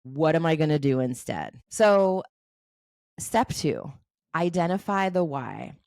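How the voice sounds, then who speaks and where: A woman's voice: deep voice, lively intonation, slow, darkish tone, dry recording, clean studio sound. A woman in her forties, a coach giving a frank, casual talk about habits, swearing now and then and laughing easily. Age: 40s.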